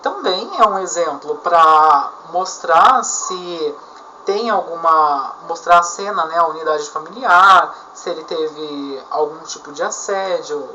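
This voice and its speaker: Lecturing woman with a bright, lo-fi voice. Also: on the low side, slight background noise. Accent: Brazilian Portuguese. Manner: explanatory, uses step-by-step examples. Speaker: teacher. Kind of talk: recorded lecture on argumentation. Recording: dull lo-fi recording with faint ambience.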